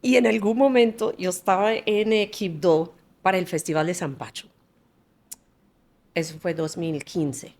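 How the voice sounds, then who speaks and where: As a podcast guest, this woman in her forties from the US, whose first language is English, recounts her story candidly and conversationally. She's animated, often laughing and restarting phrases, with a voice on the low side and a measured pace.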